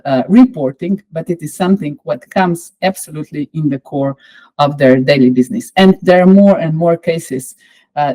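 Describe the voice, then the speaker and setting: A woman with a Slovenian accent lecturing on a course, measured and explanatory, with frequent pauses and fillers. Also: deep voice, warm tone, poor audio.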